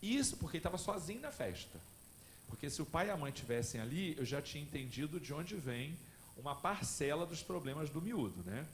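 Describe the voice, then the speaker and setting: Male course lecturer, slightly higher-pitched, very animated delivery, chatty with the audience, faint background hum. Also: a little fast. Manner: lively, conversational, addresses the audience directly. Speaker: lecturer at a spiritist family course. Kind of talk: lecture with personal anecdotes.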